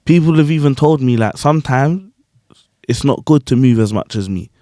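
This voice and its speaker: A man's voice: medium pitch, normal speed, dry recording, studio quality. A man hosting a podcast and chatting casually about performing, full of slang and check-ins with his guests. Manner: animated, slangy, repeats "you get what I'm saying". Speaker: podcast host and grime MC. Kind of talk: casual chat.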